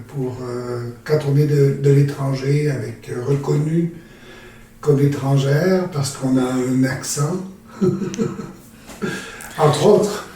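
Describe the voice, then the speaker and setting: A man's voice: medium pitch, mellow, a little hiss or hum. A man hosting a conversational interview, asking questions hesitantly with many fillers and restarts. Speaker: podcast host. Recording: distant mic with heavy room echo and faint ambience.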